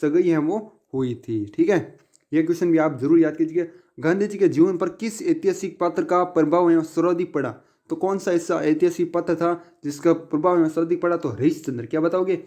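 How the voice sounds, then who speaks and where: Man teaching in a warm, mellow voice. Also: fairly high pitch, a little fast. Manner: repetitive, asks and answers his own questions. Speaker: exam prep teacher. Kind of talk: casual exam-prep lesson.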